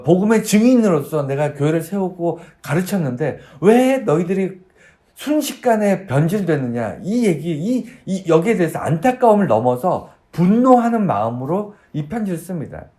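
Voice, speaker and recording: Animated male pastor with a mellow voice. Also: fairly high pitch. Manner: earnest, questioning the congregation with many fillers and restarts. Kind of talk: sermon.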